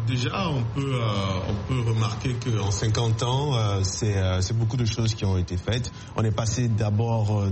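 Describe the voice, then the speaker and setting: Man, director-journalist, measured and halting, lowish voice, music under him. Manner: measured, many fillers. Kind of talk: studio radio interview.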